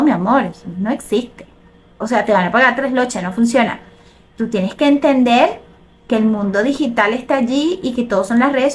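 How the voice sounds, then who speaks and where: High-voiced Venezuelan woman hosting. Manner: animated, reads comments and reacts. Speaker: host. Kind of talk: live show monologue.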